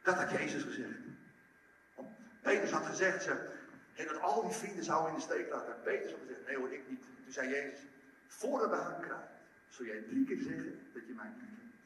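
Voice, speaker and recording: Animated preacher in an echoey hall. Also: male voice, a little high, brisk, recorded from a distance, slight background noise. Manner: animated, acts out the story in voices. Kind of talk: sermon. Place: large church hall.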